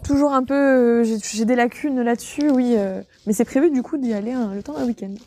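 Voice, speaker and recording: A woman's voice: a little high, fairly quick, dark tone. A young woman from Normandy answering interview questions casually, hesitating with many fillers. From Normandy, France. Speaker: interviewed regional beauty queen.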